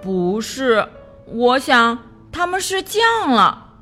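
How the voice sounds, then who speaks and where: A woman's voice: high voice, big pitch swings, slow, sharp tone, faint music behind, voice pushed up, full character voice. A woman voicing a skeptical, sensible male frog in a children's storybook, speaking bluntly. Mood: curious. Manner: doubtful, blunt.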